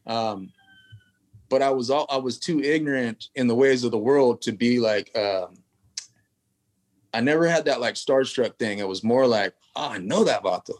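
A man's voice: medium pitch, moderate pace, long pauses. A man from California, a tattoo artist guest telling a long story in casual, rambling fashion full of street slang and asides.

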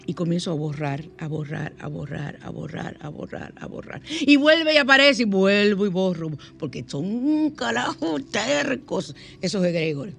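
A woman's voice: mid-range voice, fairly bright tone. A middle-aged woman hosting a spiritual self-help radio talk, speaking emphatically and repeating her key phrases. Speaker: radio host.

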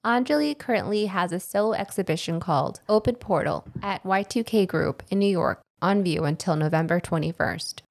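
A woman's voice: lowish voice, lively intonation, normal speed, gravelly, few pauses. A woman hosting an art podcast, reading a scripted intro and then chatting casually with short upbeat replies. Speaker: podcast host. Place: living room floor.

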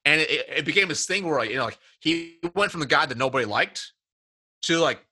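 Guy telling a story on a podcast, kinda husky, voice jumps around a lot. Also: a little high, brisk, soft background music. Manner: animated storyteller acting out dialogue. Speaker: interview guest. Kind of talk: casual storytelling chat.

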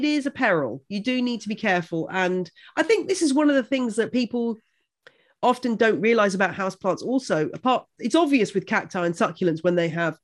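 Middle-aged Englishwoman with a Home Counties accent. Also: medium pitch. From Buckinghamshire, England. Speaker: houseplant expert and author. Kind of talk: chatty, informative conversation about plants.

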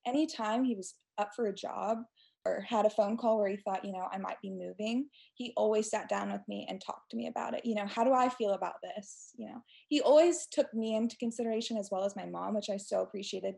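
Chatty young woman with a gravelly edge. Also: mid-range voice, fairly quick. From United States (Texas). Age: 20s. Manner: chatty, animated storytelling. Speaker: guest. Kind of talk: casual interview.

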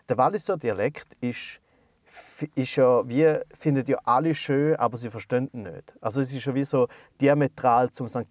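A man's voice: mid-range voice, no room sound. A man with a Swiss German accent co-hosting a podcast, talking in playful, rambling banter full of hesitations and fillers. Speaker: podcast co-host. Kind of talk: casual banter.

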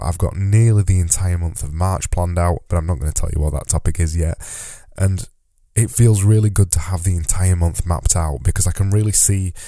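Alone on his own podcast, a man delivers an earnest monologue into a close mic, repeating words to drive his points home. His voice is deep and dark yet slightly nasal, captured in clean studio sound with no room echo.

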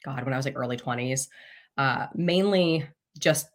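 A woman's voice: a bass voice, moderate pace. A woman in her thirties, a podcast guest, telling a personal story in a candid, casual way, swearing freely and laughing often.

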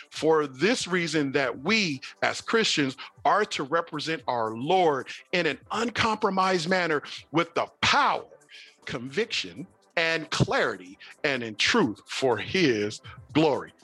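A man's voice: fairly high pitch, bright, forceful tone, dry recording. A man pastor, preaching a casual sermon in a folksy, repetitive way. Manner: folksy, preachy, says "y'all" and "wait a minute" often.

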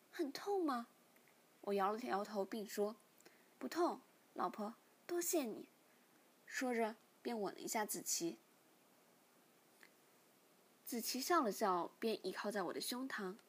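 A woman narrating a novel in a steady, plain storytelling manner. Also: medium pitch, slightly rough. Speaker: audiobook reader.

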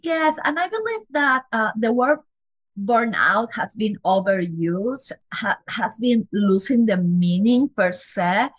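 In a casual interview, this woman from Peru, a doctor in her forties with a Peruvian Spanish accent, speaks slowly in a fairly high, animated voice. She laughs lightly and often starts phrases over, and there's no room sound.

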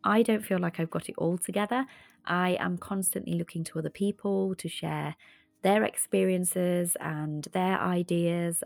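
A woman's voice: on the low side, gravelly, darkish tone, no echo. A woman, around her thirties, giving a heartfelt, reflective podcast outro. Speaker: podcast host. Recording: close dry voice over faint music.

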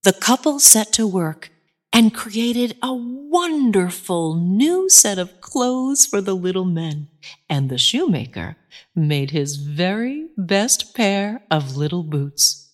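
Expressive woman narrating a children's tale. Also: mid-range voice, slow pace. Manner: animated, expressive.

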